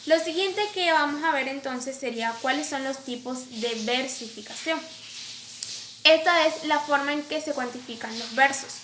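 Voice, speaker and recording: Female lecturer, high and bright, explaining step by step; echoey room, light hiss. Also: moderate pace. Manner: explanatory, asks and answers her own questions. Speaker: teacher. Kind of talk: recorded lecture over slides. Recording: echoey room, faint background noise.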